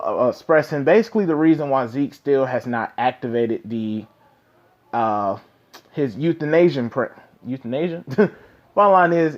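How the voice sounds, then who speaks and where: A man's voice: medium pitch, lo-fi sound. A man casually reviewing a manga chapter, talking loosely with many fillers and repeated asides to the listener. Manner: loose and conversational, lots of fillers and 'you know what I'm saying'.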